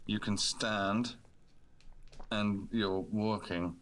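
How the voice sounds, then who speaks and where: A man's voice: on the low side, steady tone, very slow, fairly bright tone, slight background noise. An actor playing a proud, grandiose male scientist who has created life, in a game.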